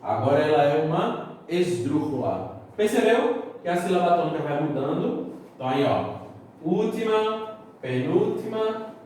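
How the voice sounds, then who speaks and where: Male teacher from Brazil, lively up-and-down delivery, quite a high voice, step-by-step explaining, very roomy echo, mic set back. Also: normal speed, a little hiss or hum. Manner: explains step by step, checks in with the students. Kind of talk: recorded classroom lesson. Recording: echoey room, mic at a distance.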